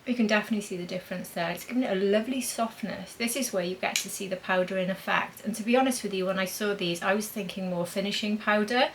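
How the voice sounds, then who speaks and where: A woman's voice: medium pitch, quick pace, hardly any pauses, slight background noise, rough recording. A woman demonstrating makeup in a chatty vlog, thinking aloud as she applies blush and powder. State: talking with a mint in her mouth. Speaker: beauty vlogger.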